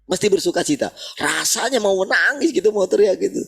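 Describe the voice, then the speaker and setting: Husky, animated preacher man. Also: high voice, brisk. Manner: animated, repeats "gitu" often. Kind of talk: sermon over video call.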